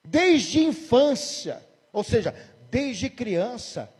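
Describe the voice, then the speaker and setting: A man's voice: very high-pitched, very animated, drawn-out words, a little mellow, slightly rough, long reverb tail. A Brazilian man in his forties, a pastor preaching a sermon emphatically and asking the congregation rhetorical questions. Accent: Brazilian Portuguese. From Brazil, São Paulo state. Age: 40s.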